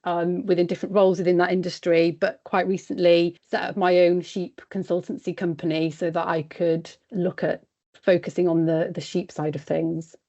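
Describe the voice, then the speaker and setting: A woman's voice: fairly low pitch, flat delivery, moderate pace, mellow. A woman from West Wales, speaking in a chatty, practical way as an independent sheep consultant in a podcast interview. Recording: dull, lo-fi sound.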